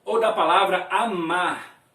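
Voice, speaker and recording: A Brazilian man teaching a lesson at a board, explaining slowly, drawing out sounds and chuckling often. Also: sits high, bright, forceful tone. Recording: roomy and distant from the mic.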